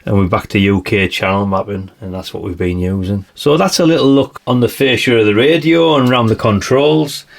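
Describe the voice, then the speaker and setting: A man with a slightly croaky voice, chatting casually through a radio review and tossing in tag questions. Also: fairly low pitch, fairly quick, few pauses. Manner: chatty, adds tag questions like "isn't it, really?". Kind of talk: casual product demonstration.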